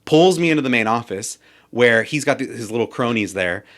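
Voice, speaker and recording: A man's voice: medium pitch, fairly quick. A young man on a podcast, telling a personal story in casual chat, with plenty of swearing and acted-out quotes. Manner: animated, swears a lot, acts out quoted yelling. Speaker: podcast guest.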